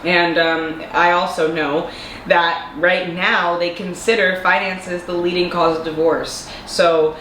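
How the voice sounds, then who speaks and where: A slightly congested young woman vlogger talks earnestly to camera in a casual monologue, tossing out rhetorical questions. Her lowish voice is level and fairly bright, at a slow pace, in an echoey room with faint noise.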